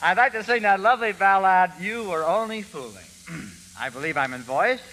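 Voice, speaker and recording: A man's voice: sits high, animated, moderate pace, background noise. A man playing a bumbling, giggly professor in a 1940s radio comedy routine, garbling song lyrics into spoonerisms and laughing at his own jokes. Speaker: comic singer playing a professor. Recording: old radio broadcast with loud band music.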